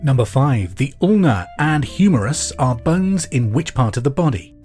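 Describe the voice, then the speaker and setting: There's a sing-song, slightly mellow quality to this mid-range male voice, moving at a moderate pace. The Englishman hosts a pub quiz podcast conversationally, clearly repeating questions, with music underneath.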